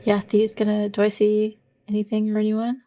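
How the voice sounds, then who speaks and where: A woman's voice: medium pitch, completely flat delivery, normal speed, dark tone. A woman playing a tabletop role-playing game, casually improvising her character's actions and asking questions. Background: background music.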